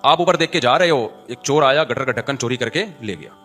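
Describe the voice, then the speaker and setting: A man's voice: medium pitch, a bit bright, faint music behind. A male Islamic scholar giving a conversational religious talk, mixing jokes and everyday examples with recited Arabic verses.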